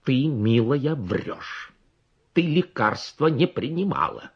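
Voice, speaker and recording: Village medic, male, stern and solemn, man reading; blunt, slightly husky, dull storybook sound. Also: mid-range voice, sing-song, slow, voice pushed up, full character voice.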